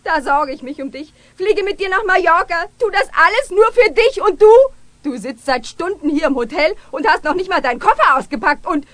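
A woman's voice: very high voice, lively intonation, brisk, a bit bright, dry recording. A woman voicing a fussy, hysterical lady in a children's radio play, whiny and easily upset.

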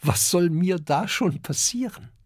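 An eager little boy dragon, as a man puts him on, raised in pitch and keen to hear stories, in a children's audiobook. The voice stays dry and close. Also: lively intonation, unhurried, no echo.

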